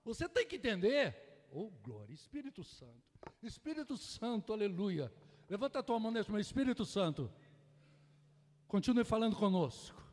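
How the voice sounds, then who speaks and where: A man preaching a sermon in a church, shifting from soft asides to loud, impassioned exhortation. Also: sits high, big pitch swings, fairly quick. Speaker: pastor. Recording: echoey church hall.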